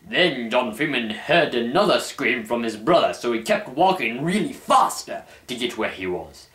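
Mid-range, very animated and a bit bright, this young man narrates at a moderate pace. He reads a story as host in a mock-dramatic, theatrical storyteller's manner, recorded indoors at home slightly away from the mic, with roomy camera sound.

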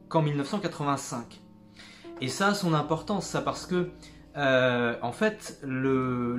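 A man giving a casual spoken book review, pausing often and restarting his sentences. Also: medium pitch. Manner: hesitant, many fillers and restarts; jokes about his own English accent.

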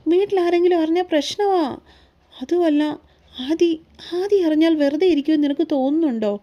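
A woman's voice: very high voice, brisk, warm tone, highs cut off, pitched above the performer's own voice. A woman voicing an anxious young woman in a romance story, asking worried, pleading questions.

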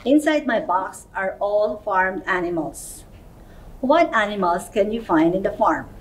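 Female preschool educator, talking to toddlers: unhurried, encouraging, sing-song delivery, slightly distant mic with faint background noise. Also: medium pitch, animated. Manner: simple questions to young children, encouraging, sing-song. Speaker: early childhood educator, children's show host. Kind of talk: children's lesson, talking as if to a toddler. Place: indoor playroom-style studio, seated.

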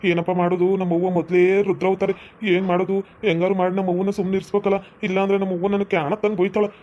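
A sulky young cartoon husband, voiced by a man, grumbles in a North Karnataka accent. He talks fast in a high, flat voice. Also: highs cut off, a little hiss or hum, lightly acted. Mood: resentful. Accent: North Karnataka Kannada. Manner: grumbling, resentful. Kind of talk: cartoon comedy voice acting.

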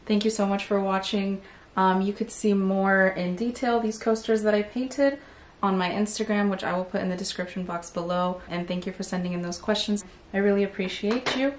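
Sitting on a couch in a small home room, this Arabic-speaking artist and vlogger in her 20s chats through a casual Q&A as she paints. She talks at a normal speed in a mid-range voice, relaxed and leaning heavily on "like." Recorded by a camera a few feet off, the audio is reverberant with slight background noise.

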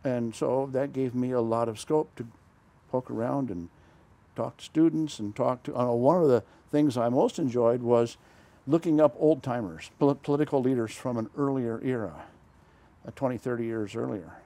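This older man, once a diplomat, speaks in a mid-range voice while telling career stories in a conversational interview. Frequent "uh"s, small self-corrections and chuckles mark his rambling, halting style, recorded by lapel mic in a small, dark studio.

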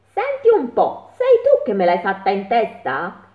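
A woman voicing a small nearsighted female mole who keeps asking the animals questions in a squeaky, exclaiming way, recorded with a tinny, phone-like sound in an echoey room. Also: wildly swooping pitch, measured pace. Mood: questioning.

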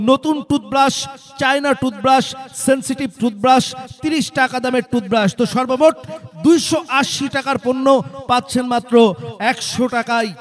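Speaking with a Bangladeshi accent in a remarkably high pitch, this man announces for a promotional vehicle in the style of a street promoter. His hard-sell pitch circles back to the offer again and again, pushing people to hurry up and buy.

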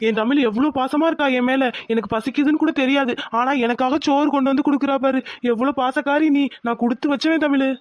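A woman's voice: sits high, fairly even intonation, quick pace, few pauses, no echo, soft background music, close to an everyday voice. A woman voicing a doting hungry village husband. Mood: tender. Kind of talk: cartoon voice acting.

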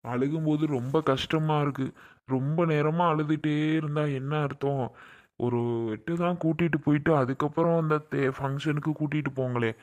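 A man's voice: fairly high pitch, dull audio, close to an everyday voice. A man playing a protective father in a family drama skit, speaking earnestly and emotionally for his daughter.

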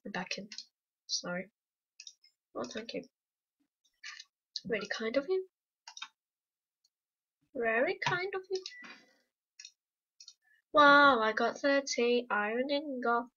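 A woman giving casual let's-play commentary, excitable and repetitive, humming and singing to herself. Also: fairly high pitch, takes it slowly, long pauses, lo-fi sound. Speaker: gameplay commentator.

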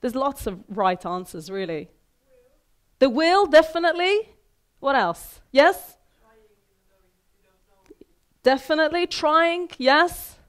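A woman in her thirties, originally from Iran and raised in Sweden, giving a lively, conversational motivational talk from a theater stage and asking the audience questions. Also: high-pitched, takes it slowly, long pauses. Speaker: keynote speaker. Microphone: headset mic.

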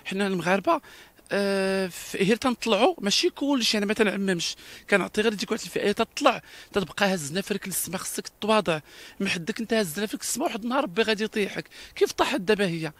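A man's voice: sits high, animated, very fast, fairly bright tone, dry recording. A man with a Moroccan Darija accent, speaking in an interview with emphatic, repetitive talk and frequent restarts.

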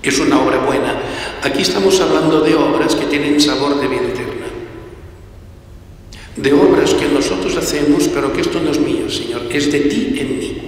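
A middle-aged man speaks as a priest at Mass, his voice on the high side. He is solemn and deliberate, and a heavy cathedral echo trails his words over some faint noise. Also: recorded from a distance. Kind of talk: homily and liturgical prayer. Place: inside a stone and wood church. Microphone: gooseneck microphone on lectern and altar.

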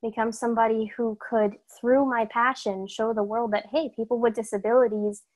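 On a laptop video call, a young adult guest performer from Massachusetts, USA, offers a casual self-introduction in a voice on the high side at a moderate pace. She's upbeat and energetic, chatting freely with fillers.

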